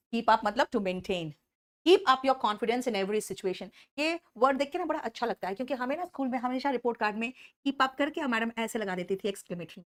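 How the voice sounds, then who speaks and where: Hindi-speaking woman teacher, lively scolding lecture. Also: fairly high pitch. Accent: Indian English. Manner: scolding, teasing students, calls them beta; slow, deliberate reading of English example sentences. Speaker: English teacher. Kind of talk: online class lecture.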